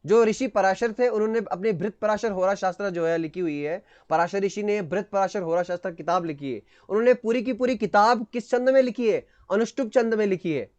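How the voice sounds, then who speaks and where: A man speaks fairly quickly, with hardly any pauses, in a high, slightly mellow voice while teaching astrology over a video call. He explains patiently, uses some English terms and makes sure students follow. The audio has no room sound, and its highs are cut off.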